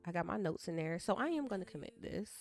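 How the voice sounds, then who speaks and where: Talking fast and rambling freely, a coder on a live stream speaks directly to her audience, open and expressive. Her voice sits somewhat low, and quiet background music plays throughout.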